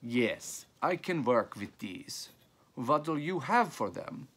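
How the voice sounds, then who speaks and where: A man voicing a courteous, solemn gentleman with a deep Hungarian accent, trading bones in a storybook. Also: big pitch swings, slow, husky, heavily acted. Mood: solemn, polite. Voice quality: deep, masculine.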